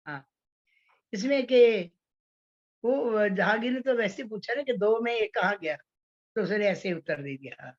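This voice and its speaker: A woman teaching poetry, explaining figures of speech slowly with many fillers and restarts. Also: mid-range voice, lively intonation, muffled recording. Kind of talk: online class on Hindi poetics.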